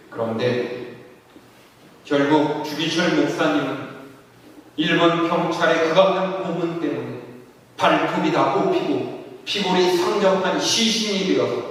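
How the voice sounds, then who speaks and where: A man pastor telling a story in an earnest sermon, rising in intensity at moments of grief. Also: on the high side. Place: church sanctuary. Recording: echoey church hall from far off.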